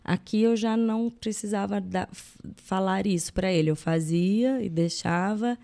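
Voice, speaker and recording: A woman's voice: mid-range voice, unhurried, gravelly, mellow. A woman podcast host with a Brazilian Portuguese accent, chatting casually and often finishing her guest's sentences.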